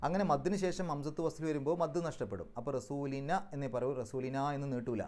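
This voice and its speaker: A man explaining Quran recitation rules, going step by step and chanting the Arabic words slower and louder. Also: mid-range voice, steady tone. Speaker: Quran teacher.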